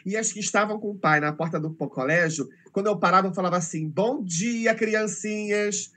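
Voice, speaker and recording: A man's voice: sits high, brisk, bright, forceful tone. A middle-aged Brazilian man telling emotional stories about teaching children in a casual conversation, acting out their voices. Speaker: teacher, interview guest.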